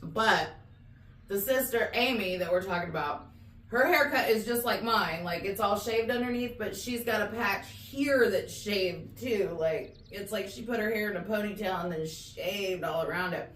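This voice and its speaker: A woman's voice: medium pitch, normal speed, a bit bright. A woman co-hosting a podcast, joking and teasing in casual chat, recorded in a garage. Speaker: podcast co-host. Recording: echoey garage, far from mic, faint noise.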